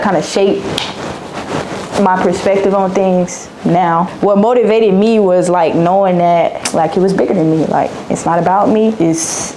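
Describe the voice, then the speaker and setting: A woman's voice: on the low side, a little mellow, a little hiss or hum, low-quality recording. A young woman, chatting casually through a Q&A vlog in a slangy, repetitive way. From Dallas, Texas. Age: 20s. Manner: chatty, slangy, repeats herself. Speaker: vlogger.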